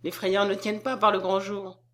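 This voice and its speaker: A woman narrating a classic novel in a steady, measured storytelling voice. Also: mid-range voice. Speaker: audiobook narrator.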